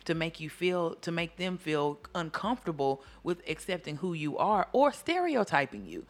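Higher-pitched man. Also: big pitch swings, moderate pace. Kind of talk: casual conversation.

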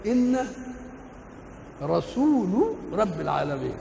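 An older Egyptian man preaching in a high, gravelly voice. He keeps posing questions to his audience and answering them himself. The old recording rings with long hall reverb over a faint hiss. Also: very animated, slow, mellow. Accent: Egyptian Arabic. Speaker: preacher explaining the Quran. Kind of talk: colloquial religious lecture.

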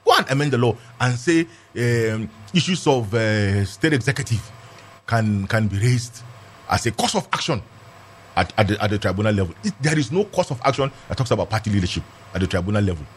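A man's voice: on the low side, animated, brisk, slight background noise. A man with a Nigerian accent giving an emphatic, argumentative legal commentary in a discussion, repeating phrases for stress. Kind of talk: animated political and legal discussion.

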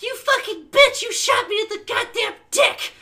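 A man voicing a brash young teenage gamer boy in a shrill, squealing falsetto. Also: unhurried, gravelly, exaggerated voice. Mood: furious.

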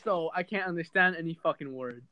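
A man's voice: fairly high pitch, a little fast, muffled recording, a little hiss or hum. A young man chatting bluntly with friends over an online voice call, swearing freely. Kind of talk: casual chat.

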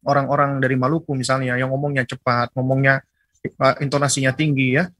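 A man giving a religious lecture on parenting as an Islamic teacher, speaking in measured phrases that he often closes with a questioning tag. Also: mid-range voice, flat delivery, a bit bright, dry recording. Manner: measured, tags phrases with frequent "ya".

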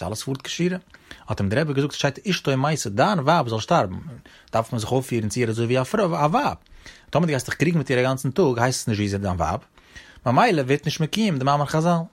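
A man with a Yiddish accent teaching a Talmud class, reading the text in a quick singsong study-hall chant and explaining it. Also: medium pitch.

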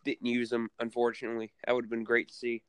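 A man's voice: medium pitch, completely flat delivery, quick pace, smooth, no echo. A man recapping a wrestling event in casual podcast chat, rambling and full of fillers. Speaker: co-host recapping a wrestling show.

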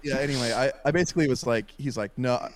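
A man's voice: medium pitch, fast, slight background noise. A young man, a podcast guest, telling a long story in a casual, rambling way, with lots of fillers and laughs, over a voice call.

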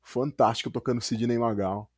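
A man's voice: medium pitch, steady tone, normal speed, a little mellow, husky, no room sound, clean studio sound. A man hosting a casual podcast interview, enthusiastic and repeating words for emphasis. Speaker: podcast host.

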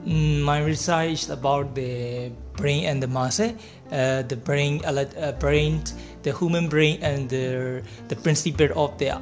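A young adult with a Burmese accent answers interview questions in non-native English, halting and repeating phrases. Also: mid-range voice, fairly even intonation, soft background music. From Myanmar. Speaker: interview guest, biomedical engineering researcher.

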